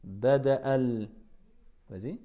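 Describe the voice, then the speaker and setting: A man's voice: medium pitch, drawn-out words, warm tone. A man teaching a reading class, patiently repeating words and correcting his pupils.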